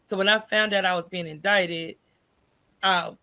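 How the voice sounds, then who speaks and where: A fairly low-pitched American woman speaks at a normal speed while guesting on a podcast. Her candid, conversational storytelling is animated, full of acted-out remembered dialogue and frequent "right?" check-ins.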